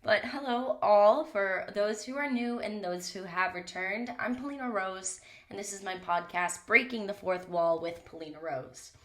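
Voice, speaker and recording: A young woman hosts her own podcast solo, speaking at a moderate pace with hardly any pauses in a mid-range voice. She's candid and casual, swears a bit, and sounds slightly stuffy from a cold while recording on a mic in a small closet.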